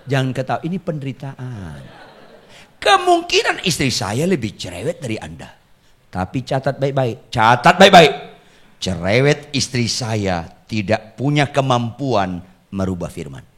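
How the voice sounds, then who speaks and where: A male pastor preaching in a church with a very animated, swooping voice of middle pitch. He jokes at his own expense and jumps between loud bursts and quiet asides. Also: measured pace. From Batak, Indonesia. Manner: joking, self-mocking, with sudden loud outbursts and soft asides. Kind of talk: humorous sermon. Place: church sanctuary.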